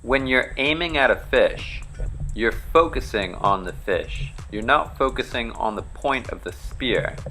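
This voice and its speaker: A man's voice: mid-range voice, a little slow. Man, Bahamian accent, young adult, casual instructional vlog voice, faint background music. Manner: relaxed, practical, step-by-step explaining. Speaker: charter fishing captain.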